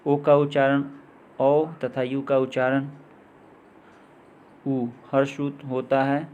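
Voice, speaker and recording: A man teaching an English vocabulary lesson, reading each word slowly and then giving its meaning. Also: medium pitch, darkish tone, slight background noise. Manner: slow, deliberate, reads word then meaning. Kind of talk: slow read-aloud vocabulary lesson.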